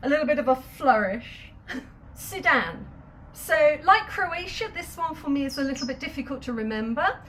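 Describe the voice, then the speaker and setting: A woman's voice: high-pitched, expressive, normal speed, fairly bright tone, slight background noise. A woman teaching sign language, patiently explaining each sign step by step with light laughs. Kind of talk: instructional video lesson.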